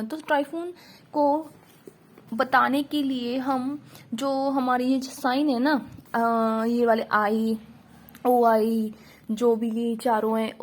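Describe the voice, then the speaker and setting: A woman gives a shorthand lesson at an unhurried pace. Her voice sits fairly high, and she says each example word aloud again and again. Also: a little mellow. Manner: slow, repeats example words aloud, mixes English into Hindi. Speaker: shorthand teacher. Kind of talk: casual tutorial explaining shorthand.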